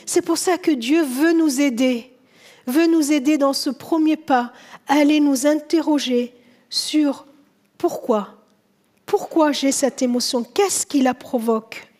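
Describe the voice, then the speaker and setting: A woman pastor delivers a sermon in church with a high voice and a slow, deliberate pace. She speaks earnestly to her congregation, often dropping to soft, tender tones. When she voices biblical characters, her pitch rises and her questions turn emphatic.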